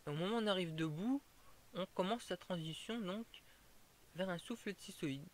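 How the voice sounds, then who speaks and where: A man's voice: sits high, normal speed. A man explaining a fire-breathing tutorial in an informal way, stopping and restarting as he goes over each step.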